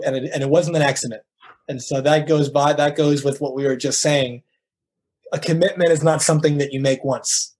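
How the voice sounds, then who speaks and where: A man's voice: medium pitch, darkish tone. A middle-aged man speaking as a life coach guest in an interview, earnest and emphatic, acting out little dialogues as he makes his points. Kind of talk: conversational interview, motivational.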